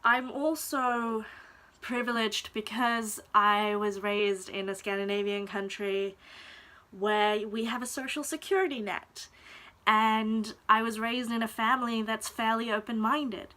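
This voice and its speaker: A young woman from Denmark talks slowly and thoughtfully straight to her viewers, pausing often to find her words. Her voice is bright and clear, and she takes her time in an unhurried, reflective way. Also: on the high side, steady tone. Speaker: vlogger. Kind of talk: personal confessional vlog talk.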